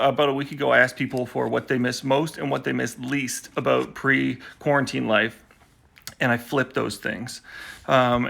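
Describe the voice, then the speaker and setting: Bright and forceful with some vocal fry, a man's mid-range voice rambles on as he hosts a live poetry stream from home. Recorded indoors on a phone, he teases and chats with viewers while waiting to get started.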